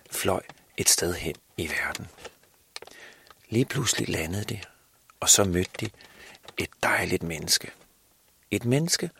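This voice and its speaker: Man telling a christmas tale, very low, gravelly, hesitant, slips into whispers. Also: pushed and bright, a little hiss or hum. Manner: hesitant, many restarts, drops into whispers. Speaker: storyteller. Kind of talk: improvised Christmas story narration.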